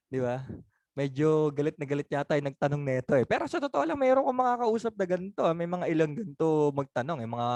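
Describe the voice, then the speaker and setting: A man's voice: a little high, big pitch swings, brisk, a little mellow, no room sound. A man giving a casual training talk on answering sales objections, chatty, laughing often, and asking for agreement.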